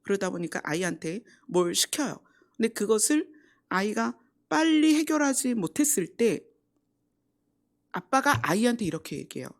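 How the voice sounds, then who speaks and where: Korean woman preaching with lively pitch. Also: moderate pace. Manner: conversational, acts out quoted lines, drops to soft asides. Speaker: pastor. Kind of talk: sermon at a Friday prayer meeting. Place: church sanctuary.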